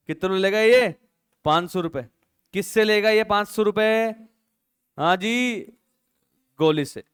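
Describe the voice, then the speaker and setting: High-voiced male teacher telling a story. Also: smooth. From India. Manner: explains through a silly story, keeps checking with students. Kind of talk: classroom lecture.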